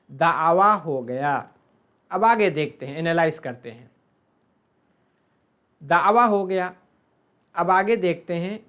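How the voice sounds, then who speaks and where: A teacher, patiently explaining a grammar lesson over slides and drilling verb forms aloud. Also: medium pitch.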